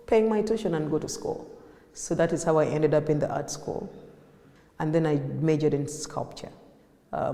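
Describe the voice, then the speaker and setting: Woman artist, Ugandan accent, warm low-key delivery, interview recorded in an echoey hall. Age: 30s. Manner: reflective, with frequent fillers and restarts. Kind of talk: personal interview storytelling. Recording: echoey room with long reverb.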